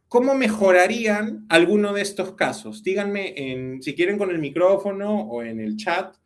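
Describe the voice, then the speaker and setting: A man teaching an online workshop over a video call. His voice sits a little high for a man. He explains a point, then turns to his listeners with questions. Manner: explains, then checks in with the audience. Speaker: workshop instructor. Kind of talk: interactive online class.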